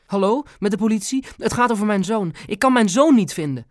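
A man's voice: high-pitched, expressive, fairly quick, dry recording, clean studio sound, pitched above the performer's own voice. A man doing a worried, tender father. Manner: earnest, warm-hearted.

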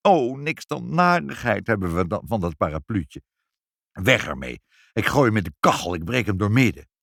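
A man's voice: on the low side, very animated, normal speed, creaky, fairly bright tone, no room sound, clean studio sound, full character voice. A man voicing a gloomy, dramatic father in a children's story. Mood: agitated.

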